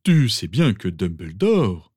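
A man voicing a pompous, sentimental old male wizard professor, with theatrical, drawn-out exclamations. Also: on the high side, big pitch swings, warm tone, dry recording, clean studio sound. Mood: fussing. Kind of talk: fan audiobook reading.

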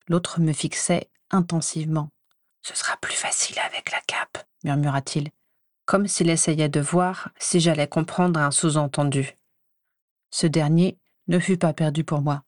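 A woman reading a first-person story aloud in an even, measured way. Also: low voice, no echo, clean studio sound. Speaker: audiobook reader.

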